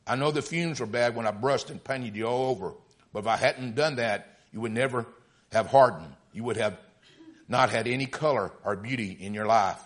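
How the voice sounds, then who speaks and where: A man voicing a calm, wise master potter explaining himself in a story told during a sermon. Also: mid-range voice, normal speed, voice pushed down, lightly acted.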